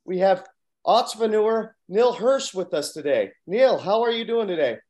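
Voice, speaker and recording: A man's voice: high voice, animated, moderate pace, darkish tone. Upbeat male podcast host. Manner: upbeat, enthusiastic. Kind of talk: casual interview hosting.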